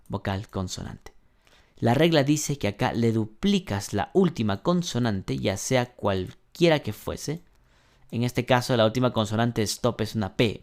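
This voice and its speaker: A man teaching an online English grammar lesson, going through the rules step by step and repeating example words aloud. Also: mid-range voice.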